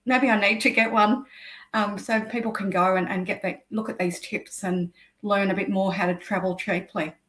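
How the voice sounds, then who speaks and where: A middle-aged Australian woman, a travel blogger, explains things at length as a guest in a video call interview, with lots of ums. Her mid-range voice is steady and fairly bright, at a moderate pace. She's in an indoor room, and the video-call audio sounds echoey.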